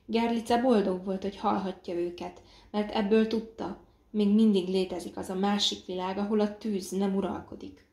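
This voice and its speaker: A woman narrates an audiobook in a measured, dramatic reading. Her voice has a gravelly texture, and the recording carries a roomy echo. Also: mid-range voice, fairly even intonation, a little mellow. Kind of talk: scripted narration.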